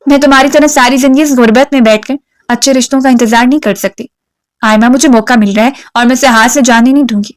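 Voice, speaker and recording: A woman's voice: on the high side, fairly even intonation, dry recording, studio quality, close to an everyday voice. Woman reading an earnest young woman friend. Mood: firm. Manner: firm, then earnest and tearful. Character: young woman set on marrying up, then a pleading friend.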